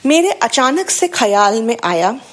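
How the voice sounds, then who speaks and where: A woman's voice: a little high, very animated, unhurried. A woman telling her own devotional experience in an earnest, storytelling way, often mixing in English phrases. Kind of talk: personal testimony at a satsang.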